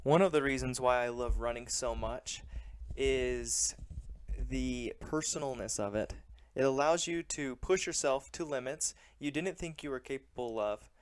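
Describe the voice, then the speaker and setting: A man narrating a vlog recap as a vlogger, in a plain, measured and earnest way. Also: mid-range voice, clean tone. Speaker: running vlogger.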